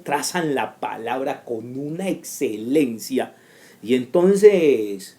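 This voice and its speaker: A man's voice: a little high, dark tone. A man teaching a class for preachers in a sermon style, with an emphatic, repetitive cadence and sudden rising bursts.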